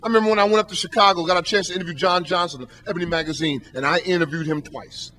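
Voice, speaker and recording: This motivational speaker and professor addresses the crowd from a stage podium with preacher-style emphasis, using rhetorical questions to drive each point home. He speaks rapid-fire in a high, bright, forceful voice that keeps a steady tone.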